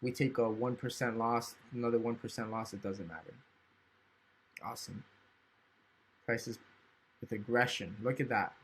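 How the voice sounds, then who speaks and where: A man's voice: mid-range voice, fairly even intonation, moderate pace, long pauses, slightly rough. A man casually walking through trading charts on screen, thinking aloud and often checking in with "right?". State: hiccups. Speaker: trading educator. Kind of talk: screen-recorded chart walkthrough.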